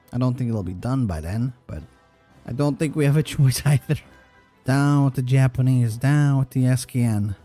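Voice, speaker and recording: A man talks through a strategy game in a loose, rambling way, swearing casually and shrugging off his own mistakes. His voice is mellow and relaxed, sitting at a middle pitch, with faint music playing underneath. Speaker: gaming YouTuber. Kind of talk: casual gameplay commentary.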